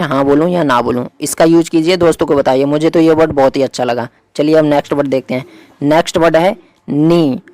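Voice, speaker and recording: A man teaching vocabulary in Hindi, slowly spelling out each example sentence. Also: a little high, a little mellow, no echo. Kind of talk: explaining lesson.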